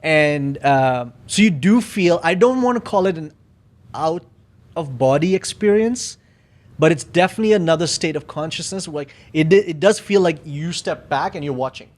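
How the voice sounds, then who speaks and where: A man's voice: a little high, expressive, moderate pace. A man talking as a podcast guest in casual conversation, reflective and searching for his words with frequent fillers.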